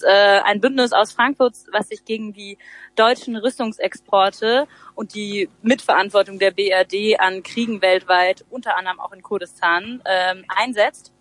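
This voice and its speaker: A woman's voice: mid-range voice, fairly bright tone, dry recording. A woman in her twenties from Germany, an activist guest explaining earnestly with frequent hesitations over a phone call. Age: 20s. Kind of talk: interview answers.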